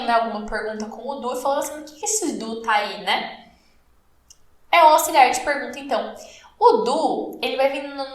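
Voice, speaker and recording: A Brazilian woman teaching English in a live online class, lively and encouraging, slowing down to model English phrases. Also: high voice, echoey room. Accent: Brazilian Portuguese.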